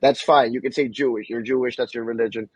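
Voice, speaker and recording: A young Filipino man hosts a laid-back podcast chat, sprinkling in "bro" and "you know what I mean." His medium-pitched, slightly rough voice moves fast with fairly even intonation, and the rough recording has no room sound.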